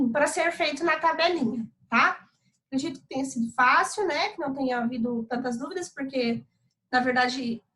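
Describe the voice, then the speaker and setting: Here a Brazilian woman teaches a recorded online class, her voice high-pitched and a little bright on a rough recording. She speaks with a Brazilian Portuguese accent, explains things step by step, and keeps checking in with tag questions.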